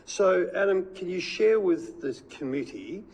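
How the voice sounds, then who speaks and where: A man's voice: high-pitched, lively intonation, measured pace, darkish tone, breathy edge, low-quality recording. An Australian man chairs a committee hearing in a blokey, informal way, stumbling over the formal wording.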